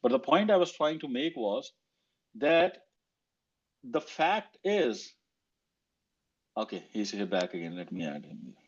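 A man's voice: medium pitch, very animated, slow, long pauses, breathy edge. A man with a North Indian Punjabi accent hosting a casual online political discussion, making his points in emphatic, repetitive phrasing. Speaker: host of an online audio discussion. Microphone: online audio call. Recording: slightly muffled online call audio.

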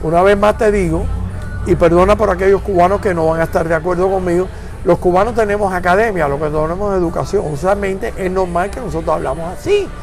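Older man, high and gravelly, emphatic interviewee on an outdoor street with faint music behind. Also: fast talker. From Florida, United States. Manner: emphatic, searching for words, mixing in English. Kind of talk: conversational interview.

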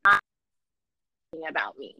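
A woman hosting a casual podcast with playful, slangy banter and frequent laughter, on a low-quality muffled call. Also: moderate pace, bright, forceful tone, no room sound. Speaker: podcast host.

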